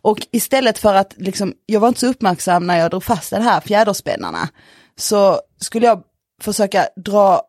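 A woman telling a story in a casual podcast chat, animated, with lots of fillers and the odd swear word. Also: medium pitch, no echo, studio quality.

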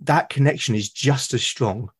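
The speaker is a British man, an artist and podcaster, answering as a guest in an easygoing conversation. His voice is husky and medium in pitch, his pace moderate, and he tends to hesitate, repeating words when a sentence starts.

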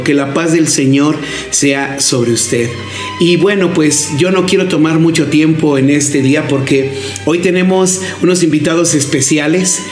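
Higher-pitched Mexican man hosting, roomy sound. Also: a little mellow. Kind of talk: devotional welcome to listeners. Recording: roomy echo. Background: faint music.

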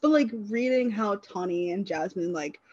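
A woman chatting casually as a podcast co-host, husky and giggly. She rambles with plenty of ums and likes. The recording sounds dull and lo-fi. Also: medium pitch, lively intonation, moderate pace, darkish tone. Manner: giggly, rambling, many fillers. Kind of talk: casual chat.

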